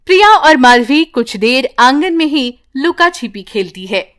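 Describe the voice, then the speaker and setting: Woman narrator, bedtime story, high-pitched, unhurried, calm, even.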